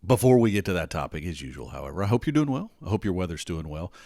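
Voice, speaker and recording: Still getting over a cold, a podcast host talks casually on his own, rambling, tripping over words and repeating himself a lot. He speaks fast in a low, creaky, mellow voice with big pitch swings. The recording is studio quality with no echo.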